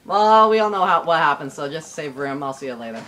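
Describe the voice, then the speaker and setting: A man giving casual, excitable play-by-play as he plays a video game, rambling and laughing often. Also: on the high side, brisk, a little hiss or hum. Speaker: gaming channel host. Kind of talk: casual gameplay commentary. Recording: game music playing under the voice. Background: video game music.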